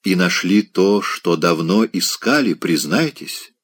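A man's voice: low voice, lively intonation, slow pace, husky, exaggerated voice. A man voicing a coy, scheming middle-aged provincial lady who pries with wheedling, insinuating questions. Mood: coaxing.

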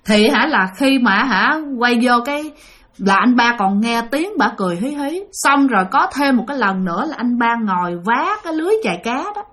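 A woman's voice: on the high side, expressive, fairly quick, fairly bright tone. Chatty woman storyteller. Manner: chatty, addresses listeners directly. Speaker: ghost story channel host. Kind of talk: storytelling narration.

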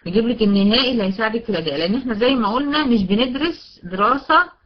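A woman teacher with an Egyptian Arabic accent explains recitation rules step by step, recites example words slowly and often checks that her students follow. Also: a little high, expressive. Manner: often checks understanding with "tamam?". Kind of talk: recorded tajweed lesson. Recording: dull, lo-fi recording.

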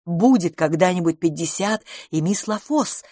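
A woman narrating an audiobook in an expressive, lively reading style. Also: lowish voice, normal speed, no room sound, clean studio sound. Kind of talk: scripted narration.

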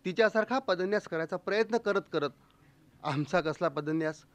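A man's voice: sits high, normal speed. A man telling a humorous first-person story to an audience, slipping into the voices of the people in it. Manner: comic, lively, acts out quoted voices.

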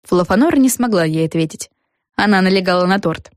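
Steady woman narrating a storybook. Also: on the low side, fairly quick, no room sound, studio quality. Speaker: audiobook narrator.

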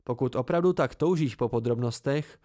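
A man voicing a weary, soft-spoken innkeeper in an amateur audiobook, with a raised, plaintive delivery. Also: medium pitch, no echo, clean studio sound, natural voice.

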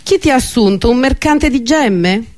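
A man's voice: very high voice, lively intonation, normal speed, a little mellow, voice pushed up. A man reading an audiobook, voicing a teasing married older sister with a drawling, mocking tone.

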